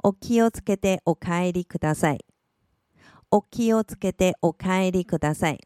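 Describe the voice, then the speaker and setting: A woman teaches vocabulary in a scripted lesson, saying each word several times in a slow, careful way. Her voice is recorded close and dry, with no room sound. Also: on the low side, mellow, no room sound. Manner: repeats words slowly and clearly for practice. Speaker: Japanese language teacher. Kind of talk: scripted language lesson narration.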